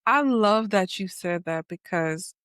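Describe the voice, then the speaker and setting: A woman's voice: medium pitch, expressive, unhurried, a bit bright, no room sound, clean studio sound. A woman hosting a podcast interview, asking probing follow-up questions and affirming often. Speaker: podcast host. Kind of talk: conversational interview.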